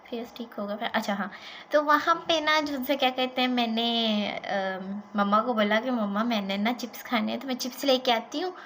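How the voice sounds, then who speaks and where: A woman telling a childhood story in an animated, chatty vlog style, dropping in English words. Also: on the high side, normal speed, a little hiss or hum. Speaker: vlogger.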